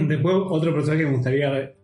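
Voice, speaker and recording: A man's voice: on the high side, fast, a little mellow, distant mic. Podcast co-host, Rioplatense man, chatty film talk, echoey room with faint music. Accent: Rioplatense Spanish. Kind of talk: casual film discussion.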